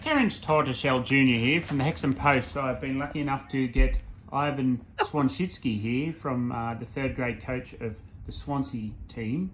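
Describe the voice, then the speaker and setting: A man playing a mock-earnest local newspaper reporter who needles his guest in a halting, mock-formal way. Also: medium pitch, slight background noise, lightly acted, low-quality recording. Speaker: interviewer. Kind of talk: mock sports interview.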